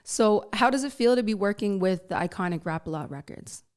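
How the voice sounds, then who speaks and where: A woman's voice: mid-range voice, animated, a little fast, a little mellow, clean tone. A woman hosting a casual interview, upbeat and affirming as she asks her questions. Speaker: interview host.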